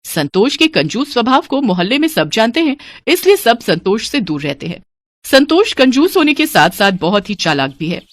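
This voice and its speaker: A woman narrating an animated moral story in a plain, even storytelling manner. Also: on the high side, moderate pace, no echo.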